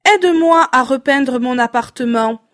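A woman's voice: sits high, a little slow, fairly bright tone. Creepy little old spider lady, voiced by a woman, sweetly threatening. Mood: menacing. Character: old woman who is a giant spider, menacing.

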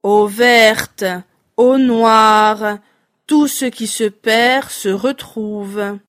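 A woman voicing a giant centipede monster disguised as a little girl in a storybook, who threatens sweetly and chants a slow spell. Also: on the high side, steady tone, a bit bright. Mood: menacing.

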